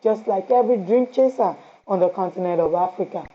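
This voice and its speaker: A woman's voice: medium pitch, fairly quick. A woman with a Nigerian accent giving an impassioned, pleading radio address with many repeated phrases. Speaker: radio host. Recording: slightly dull audio with faint noise.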